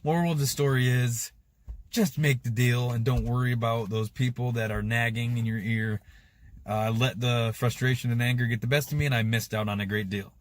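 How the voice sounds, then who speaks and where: A man vlogging casually, telling animated, excitable stories with fillers and laughs, partly recorded outdoors. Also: medium pitch, normal speed. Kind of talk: casual vlog storytelling.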